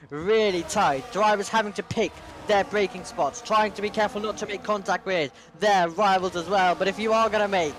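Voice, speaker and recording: A male esports racing commentator with a very high-pitched voice. He delivers motorsport commentary with drama, shifting from explaining the race to urgent, excited calls of the action. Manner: dramatic, builds from analysis to urgent play-by-play.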